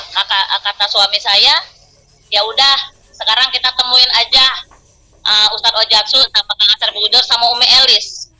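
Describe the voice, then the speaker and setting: A middle-aged woman recounts her own hardships in a heartfelt testimony, acting out the voices of others in her story. Her voice is very bright and sits a little high. The sound is thin and tinny, like a telephone recording. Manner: emotional, storytelling with quoted dialogue. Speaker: business success story guest. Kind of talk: personal testimony.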